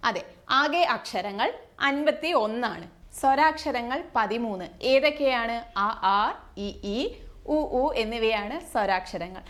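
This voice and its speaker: A woman's voice: a little high, a bit bright. Patient woman teaching grammar. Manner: patient, repeats each definition slowly. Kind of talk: exam-prep grammar lesson.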